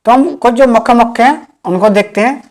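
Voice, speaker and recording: A woman teaching an exam-prep history class, repeating key points slowly and quizzing the listeners. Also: a little high, a little mellow.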